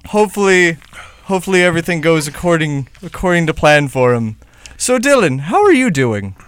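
A man's voice: fairly high pitch, sing-song, brisk, fairly bright tone, smooth, dry recording. A man hosting a comedic podcast, with playful, theatrical announcer delivery. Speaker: podcast host.

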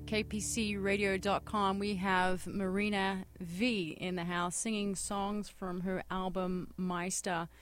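A woman's voice: medium pitch, little pitch movement, takes it slowly, few pauses, faint music behind. A woman radio host introducing her guest and asking curious, friendly questions in the studio. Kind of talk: radio interview.

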